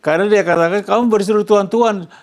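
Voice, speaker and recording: Male pastor, gravelly and fairly high; asks the congregation questions and rises sharply on quoted lines. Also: fast talker. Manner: asks the congregation questions and answers them himself, rising loud on quoted words. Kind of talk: sermon.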